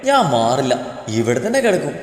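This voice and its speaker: A man voicing a feisty, sharp-tongued young bride in a storybook reading, answering back with defiant, mocking retorts. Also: medium pitch, sing-song, fairly quick, lightly acted. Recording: echoey room with long reverb, faint music.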